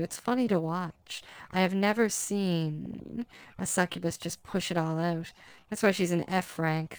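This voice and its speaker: Smug succubus demon, voiced by a woman: lowish, smooth voice, teasing and languid, dry close sound. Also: dry recording, lightly acted. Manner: teasing, languid, commanding, soft-spoken. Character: dominant, playful female succubus demon, smug. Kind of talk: erotic audio roleplay.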